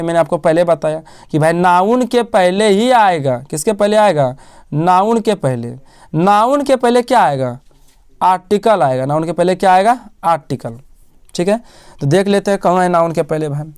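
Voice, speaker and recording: Smooth-voiced male tutor drilling grammar. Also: sits high, lively intonation, moderate pace, a little mellow. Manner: asks questions and answers them himself, repeating key words. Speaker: teacher. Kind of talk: classroom-style grammar lesson.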